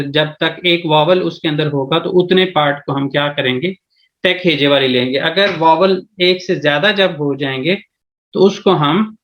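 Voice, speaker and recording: A man's voice: on the high side, fairly bright tone. A man with a Pakistani Urdu accent teaching a language lesson over a video call, explaining step by step and often checking in with his listeners. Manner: explains step by step, repeats "theek hai ji".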